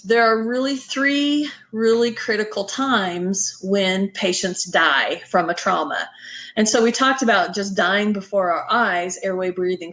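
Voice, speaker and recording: A woman's voice: mid-range voice, fairly bright tone. A woman giving a conversational lecture on veterinary emergency care, emphatic and often checking in with listeners. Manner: emphatic, checks in with "okay?" and "right?".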